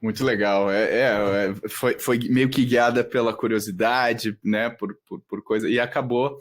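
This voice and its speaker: A man's voice: lowish voice, steady tone, a little slow. A man hosting a casual interview, asking questions with hesitant repeats. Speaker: host.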